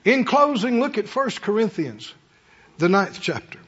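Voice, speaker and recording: A high, husky, slightly bright voice, sing-song and unhurried, belongs to a middle-aged or older man preaching folksily. He chats with his congregation through homely stories and rhetorical questions, recorded with muffled hall sound and long reverb.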